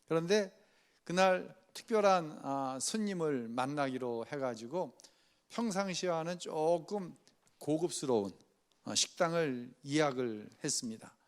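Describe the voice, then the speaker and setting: A man with a fairly high voice leads a church study. He tells a story in an easy conversational way and speaks straight to the congregation, asking them to write along with him. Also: lively intonation, a little slow. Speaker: pastor. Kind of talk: afternoon church study sermon. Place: church sanctuary.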